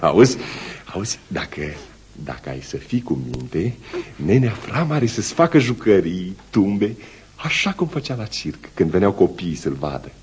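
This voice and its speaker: An actor playing a kind, playful male circus polar bear who talks in a gentle, coaxing way. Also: lowish voice, sing-song, a little hiss or hum. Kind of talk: radio play acting.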